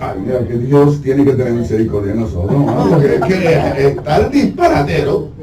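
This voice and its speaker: A man's voice: medium pitch, animated, fairly quick, far from the mic, a crowd in the background. A man preaching a sermon as pastor, telling stories with humor and acting out voices. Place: church sanctuary. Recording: echoey hall from afar, faint noise.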